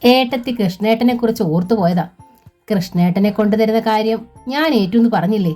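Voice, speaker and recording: A woman voicing a tender, devoted young woman who speaks softly and reassuringly in a storybook reading. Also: fairly high pitch, a little fast, faint music behind, close to an everyday voice.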